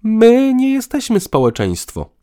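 A man's voice: high voice, sing-song, measured pace, gravelly, dark tone, voice pushed up, heavily acted. A man voicing an irritable, sarcastic young woman in an audiobook, with a raised, tense delivery. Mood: angry. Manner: sarcastic, combative. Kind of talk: audiobook dialogue.

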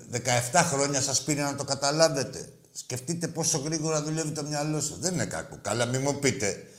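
Loudmouth guy hosting sports call-in radio, roasts the callers, yells then mutters. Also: mid-range voice. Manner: mocking and insulting callers, shouting in bursts; wide swings between loud outbursts and muttered asides. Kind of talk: rowdy call-in radio banter.

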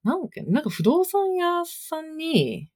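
A young adult woman co-hosting a podcast, telling stories in a chatty way with quick asides. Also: high-pitched, very animated, darkish tone. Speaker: podcast co-host. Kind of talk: casual chat.

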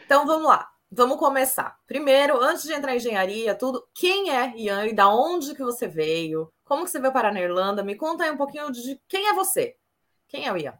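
Brazilian lady hosting a chat, laid-back, jokey, kinda high voice. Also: very animated, fairly quick, a bit bright. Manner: friendly and informal, laughs easily. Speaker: host. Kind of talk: casual interview chat.

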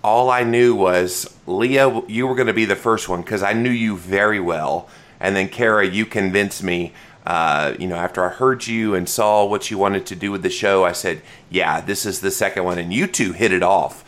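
A man's voice: deep voice, normal speed, a bit bright. A man hosting a podcast, chatting casually and joking about himself as he introduces his guests. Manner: chatty, joking, self-deprecating. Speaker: podcast host. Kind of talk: casual interview chat.

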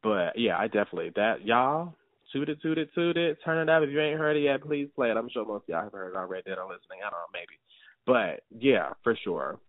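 A man co-hosting a podcast, chatting casually and animatedly, with sudden jumps in pitch for emphasis. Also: expressive, fast talker, no room sound. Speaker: podcast co-host. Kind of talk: casual chat. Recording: tinny phone-like sound, dry.

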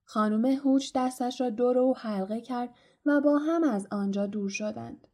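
A woman reads a fantasy audiobook with expressive storytelling. Her voice sits a little high, with a mellow, warm tone. The delivery is scripted and steady. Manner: expressive storytelling, voicing characters. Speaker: audiobook narrator.

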